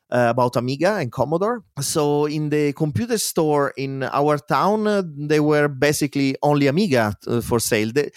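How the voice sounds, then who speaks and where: A man's voice: a little high, no room sound, studio quality. Laughing Italian-accented man telling stories. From Italy. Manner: lively storyteller, laughs often, frequent fillers and restarts. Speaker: guest, musician and programmer. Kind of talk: casual interview talk.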